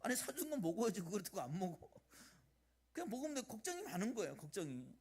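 A middle-aged man preaching a sermon as pastor of a church, animated, swinging between loud emphasis and quiet asides. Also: high voice, quick pace, slightly rough. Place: church sanctuary.

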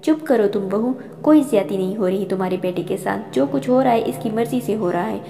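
A woman's voice: mid-range voice, a little fast, vocal fry, mellow, natural voice. A woman voicing a stern elderly grandmother who rules the family, speaking in a commanding, scolding way. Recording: long reverb.

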